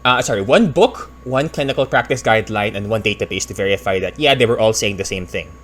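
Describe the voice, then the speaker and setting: A man's voice: fairly low pitch, fast talker, fairly bright tone, slight background noise. A man from the Philippines, a pharmacist giving casual explanatory commentary while reacting to a video, thinking aloud and correcting himself.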